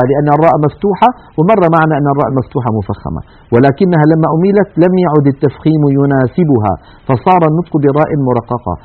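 Male recitation teacher, brisk lesson delivery, demonstrates sounds aloud, tinny lo-fi audio. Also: fairly high pitch. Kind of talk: explanatory religious lesson. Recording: narrow phone-like audio.

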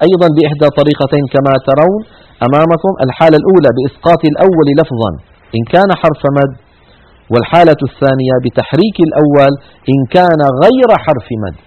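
Man explaining grammar on a televised lesson, brisk, narrow tinny audio. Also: fairly high pitch. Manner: explains slowly, reads examples aloud with emphasis, repeats points. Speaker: teacher. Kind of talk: Quranic Arabic grammar lesson. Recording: tinny phone-like broadcast sound.

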